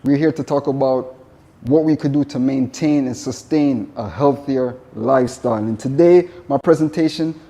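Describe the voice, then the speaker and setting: Dark-voiced Jamaican chef presenting. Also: male voice, medium pitch, normal speed. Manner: earnest, repetitive phrasing with spiritual asides. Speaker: vegan chef presenting a health segment. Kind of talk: casual spoken presentation.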